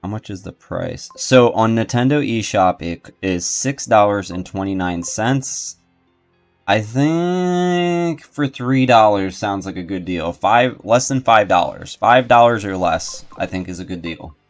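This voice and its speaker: Game music plays under this streamer and host as he talks through a casual livestream, musing and wandering as he goes. His voice sits on the low side, expressive and measured in pace.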